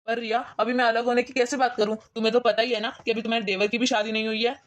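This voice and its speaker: A woman's voice: fairly high pitch, flat delivery, very fast, close to an everyday voice. A woman doing a patient, placating young husband. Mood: pleading. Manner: pleading, reasoning.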